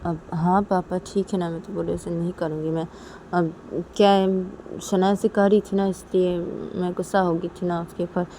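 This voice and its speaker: A remorseful young woman who says sorry and keeps justifying herself, as a woman puts her on. The voice is low and mellow, with a faint rumble of vehicles behind. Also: level tone, normal speed, lightly acted. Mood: apologetic. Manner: apologetic, self-justifying.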